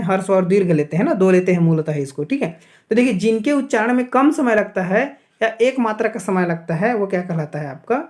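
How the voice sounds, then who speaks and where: A man's voice: sits high, darkish tone. Man teaching grammar. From Chhattisgarh, India. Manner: asks and answers his own rhetorical questions; keeps checking in with a repeated "okay". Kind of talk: exam-prep lesson.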